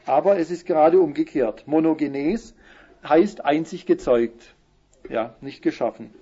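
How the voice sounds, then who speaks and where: A man giving a Bible teaching talk, who explains verses and reads the quotes slowly with emphasis. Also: on the high side, mellow, slightly rough. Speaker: preacher. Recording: muffled lo-fi recording.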